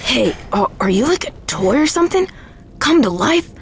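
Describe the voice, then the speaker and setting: A woman voicing an excited, friendly young kid in a video game, talking casually and eagerly. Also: sits high, normal speed. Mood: eager, awed. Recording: clear background noise, game ambience.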